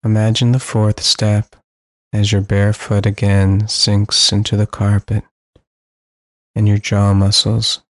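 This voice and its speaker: A man guiding a sleep meditation, speaking slowly and soothingly with long pauses. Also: fairly low pitch, monotone, no echo. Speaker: meditation guide.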